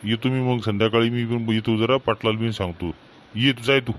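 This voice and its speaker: A man's voice: mid-range voice, steady tone, a little fast, natural voice. A man with a Varhadi Marathi accent playing a weary old farmer father who grumbles and laments about his quarreling sons in a village comedy skit. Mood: bossy.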